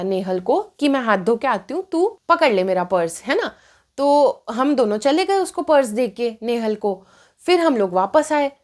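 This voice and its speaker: A woman in her twenties telling a personal story in casual vlog style, switching between Hindi and English and acting out what people said. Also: on the high side. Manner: animated, mixing Hindi and English, acting out quotes. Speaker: storytime vlogger.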